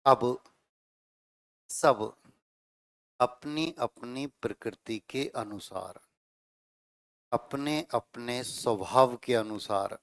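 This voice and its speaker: Male teacher, middle-aged, patient classroom lecture, clear voice, dry sound. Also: medium pitch, no room sound. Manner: explains slowly with repeated phrases and checks like 'theek hai'. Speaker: Hindi grammar teacher.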